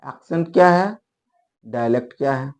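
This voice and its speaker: A man's voice: medium pitch, moderate pace, a little mellow. A man teaching spoken English in a casual, rambling lecture, explaining with frequent restarts and asides. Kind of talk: spoken English lesson in Hindi.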